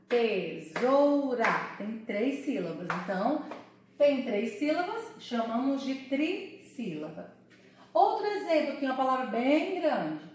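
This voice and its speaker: A woman teaching a Portuguese lesson for children, sounding out words slowly syllable by syllable. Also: high voice, heavy reverb, far from the mic, slight background noise. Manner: slow, syllable-by-syllable explaining.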